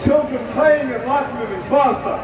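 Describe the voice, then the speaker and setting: A man's voice: very high voice, normal speed, crowd noise. A young man from Australia performing a rhyming spoken word poem at an outdoor rally, in a rhythmic delivery. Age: young adult. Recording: echoey, distant outdoor PA.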